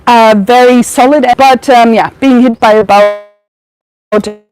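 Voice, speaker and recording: A young German woman, a research veterinarian, speaks slowly in a fairly high, steady, darkish and smooth voice. Her German accent has an Australian tinge, and her public talk is chatty, with many ums, restarts and self-corrections. The recording is dry and of low quality.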